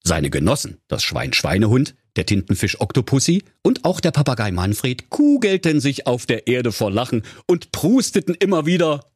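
A man's voice: mid-range voice, huge pitch swings, moderate pace, few pauses, breathy edge, dry recording, clean studio sound. A man narrating a comic fairy tale in an ironic, playful way. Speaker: storyteller.

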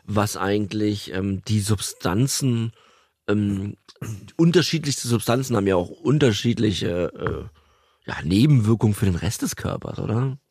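A man's voice: lowish voice, lively intonation, a little slow, darkish tone, husky, no echo, studio quality. A man co-hosting a podcast, hesitant with many fillers and a teasing manner. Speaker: podcast co-host. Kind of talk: casual chat.

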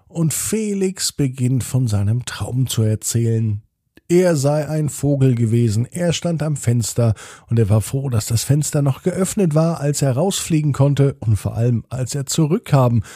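A man telling a children's bedtime story in a gentle, steady way. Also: medium pitch, slightly rough, no room sound, studio quality.

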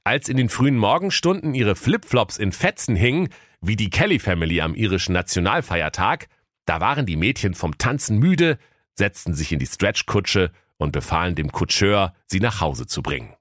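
A man's voice: on the low side, no echo, studio quality. A man narrating a comic fairy tale in a playful manner. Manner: playful, animated.

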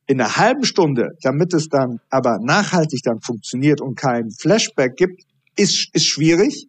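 A man, a high performance coach, talking as a podcast guest and acting out dialogue while he tells stories. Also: normal speed, slightly rough, no room sound. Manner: animated storytelling, acting out dialogue.

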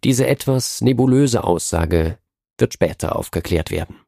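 A man reading a story aloud in a calm, measured narration. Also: medium pitch, vocal fry, no room sound, clean studio sound.

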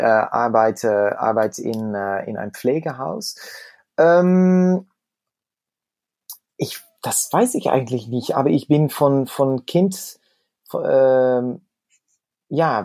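A man's voice: fairly high pitch, a little mellow. A man from the Netherlands with a Dutch accent, a native Dutch speaker, talking casually as an interview guest and often searching for words. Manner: halting, searching for words in German. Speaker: cabaret performer, interview guest.

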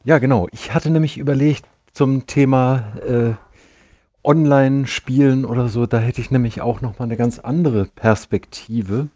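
Male radio-show caller on a phone line: dark, mellow tone, hesitant, fumbles for words. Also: medium pitch, moderate pace. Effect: call-in voice over a phone line. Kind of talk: call-in chat on a live show.

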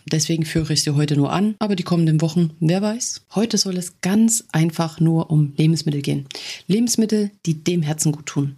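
A woman's voice: deep voice, creaky, a little mellow, slightly rough. A woman hosting a podcast, talking straight to the listener in a chatty, encouraging way. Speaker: podcast host. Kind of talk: scripted podcast monologue on healthy eating.

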